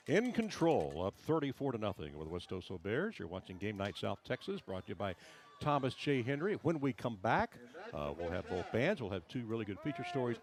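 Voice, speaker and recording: A man with an American accent calling a live high school football game as the play-by-play commentator.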